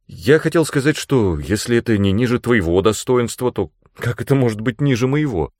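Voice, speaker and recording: Audiobook: an eager young apprentice boy, as a man plays him, raised, pleading, very lively. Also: medium pitch, normal speed, no room sound, studio quality, voice pushed up, lightly acted. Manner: pleading, enthusiastic. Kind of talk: audiobook character reading.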